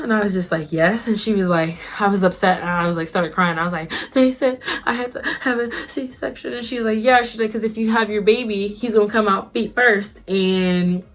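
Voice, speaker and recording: A young adult woman vlogger telling a personal story casually, acting out what people said with big jumps in pitch. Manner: animated, acts out quotes with big pitch jumps.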